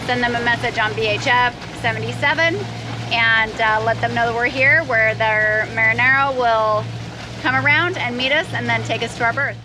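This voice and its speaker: Fairly high-voiced North American woman vlogging. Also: normal speed, background noise. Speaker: sailing vlogger. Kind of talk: casual vlog chat. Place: on a sailboat.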